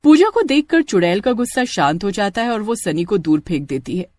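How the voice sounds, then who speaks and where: A storyteller giving steady, dramatic scripted narration for a cartoon story. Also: mid-range voice, a little fast, no echo.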